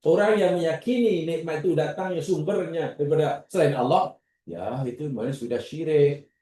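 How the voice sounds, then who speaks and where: A man with a Malaysian Malay accent teaching a religious class, lively, acting out examples and questioning his students. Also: a little high, moderate pace. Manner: questions the class and repeats their answers. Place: classroom or prayer hall. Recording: roomy echo, distant mic.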